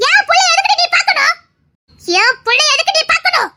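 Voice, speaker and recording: A woman's voice: extremely high pitch, expressive, fairly quick, noisy background. A woman voicing Sivakami, a fierce scolding mother. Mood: furious. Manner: scolding, shouting, cursing, sobbing. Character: fierce middle-aged village mother, protective. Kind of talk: Tamil audio drama acting.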